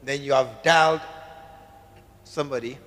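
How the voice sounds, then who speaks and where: A man's voice: medium pitch, moderate pace. A man preaching a sermon through an interpreter and acting out a phone call, his voice ringing with a long cavernous echo. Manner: animated, acts out phone calls, shouts "hello". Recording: echoey hall with long reverb.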